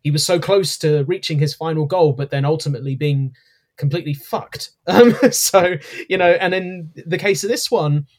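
A man's voice: a little high, brisk. A man co-hosting a podcast, reviewing an episode in casual chat, hesitant with many ums and self-corrections. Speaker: podcast co-host.

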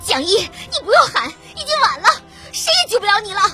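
A woman's voice: sits high, sing-song, brisk, fairly bright tone, faint music behind, pitched above the performer's own voice. A woman putting on a sweet-voiced young poisoner. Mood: taunting. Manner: sugary at first, then sneering and cold.

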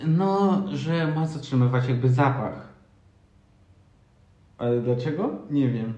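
A young man with a mid-pitched voice muses aloud in casual chat. He spins half-serious, sarcastic theories in a loose, unhurried way. The room around him echoes. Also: expressive, darkish tone, dull audio. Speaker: podcast co-host.

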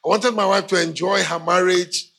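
A man's voice: high voice, fairly even intonation, moderate pace, gravelly, sharp tone. A middle-aged Nigerian man preaching a humorous sermon, laughing often and acting out voices in his stories. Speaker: pastor.

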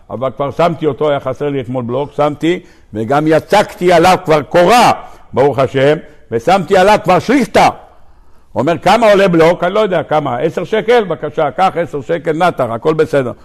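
High-voiced rabbi telling lively stories. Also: male voice. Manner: animated storyteller who acts out quotes and asks the audience questions. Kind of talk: Torah lecture to a congregation. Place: synagogue lecture hall.

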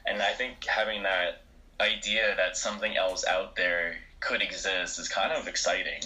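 A man's voice: low voice, steady tone, sharp tone, low-quality recording. A man from New Jersey co-hosting a podcast in casual chat, musing openly with plenty of hedges. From New Jersey, USA. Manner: quick, open-minded musing with hedges. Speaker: podcast co-host.

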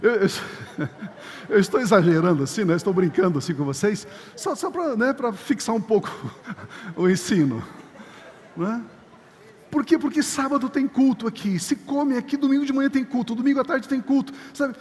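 Older male pastor, high voice, emphatic sermon delivery with repeated words, echoing church hall. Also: fairly quick, darkish tone. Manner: emphatic preaching, repeats key words, acts out church members. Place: church sanctuary.

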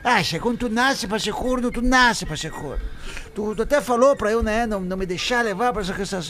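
A man voicing a glum, heartbroken man who is unlucky in love, in a low, dejected mutter. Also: a little fast, close to an everyday voice.

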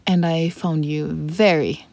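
A woman's voice: low-pitched, fairly even intonation, takes it slowly, creaky, darkish tone, dry recording. A Finnish woman in her twenties, a native Swedish speaker, co-hosting a podcast in casual, chatty talk with frequent laughs and fillers. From Finland. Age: 20s. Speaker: podcast co-host. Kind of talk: casual chat.

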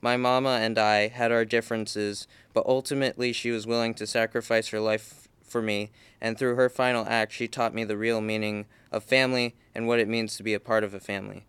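A man's voice: lowish voice, little pitch movement, brisk, hardly any pauses, fairly bright tone, smooth, dry recording. A man reading aloud, voicing an earnest, stubborn young woman.

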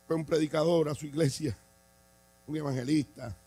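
Man, bishop preaching, high gravelly voice, husky, passionate swings from soft to shouting. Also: fairly even intonation, normal speed, rough recording. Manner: impassioned, swings from quiet to shouting. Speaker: bishop and pastor. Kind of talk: preaching a sermon.

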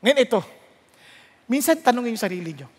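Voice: medium pitch, lively intonation, brisk, husky, long reverb tail. A preacher giving a sermon, switching between Tagalog and English and asking the congregation rhetorical questions. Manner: mixes Tagalog and English, reads scripture aloud.

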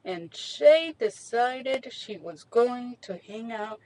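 A woman's voice: a little high, lively intonation, takes it slowly, darkish tone, no room sound, rough recording. A young woman talking casually and self-mockingly into a microphone in her small parked car, rambling in slangy talk. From Mexican heritage. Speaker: vlogger. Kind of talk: casual chat. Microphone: handheld USB microphone.

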